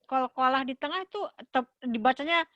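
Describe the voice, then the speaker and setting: A woman's voice: high voice, fairly bright tone, no room sound, dull audio. An older Indonesian woman, a student answering and asking questions tentatively in an online Quran lesson. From Indonesia, living in California. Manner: tentative, halting, polite.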